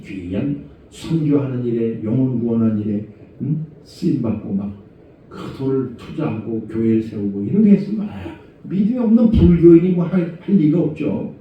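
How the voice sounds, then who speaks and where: A middle-aged man preaching a conversational sermon as senior pastor, asking rhetorical questions and moving between low murmurs and raised exhortation. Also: moderate pace, a little hiss or hum. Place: church sanctuary. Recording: echoey church hall, far from mic, dull sound.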